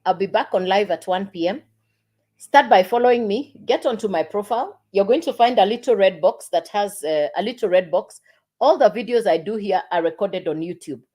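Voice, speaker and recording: Woman pitching on a livestream. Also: dark tone. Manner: repetitive, coaxing, addresses viewers directly. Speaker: online marketing livestreamer.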